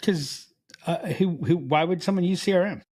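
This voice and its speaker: A man's voice: high voice, moderate pace, darkish tone. A man co-hosting a podcast in casual chat, blunt and joking, teasing his co-host.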